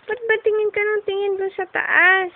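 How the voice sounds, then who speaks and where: A woman's voice: very high-pitched, flat delivery, moderate pace, narrow, tinny audio. A woman talking playfully to her baby in a home video, coaxing and calling out. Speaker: mother filming her baby.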